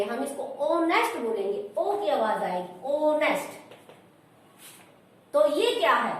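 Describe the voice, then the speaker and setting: A woman's voice: high-pitched, heavy reverb, far from the mic, rough recording. A woman teaching a grammar lesson step by step and asking her students questions as she goes. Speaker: school teacher.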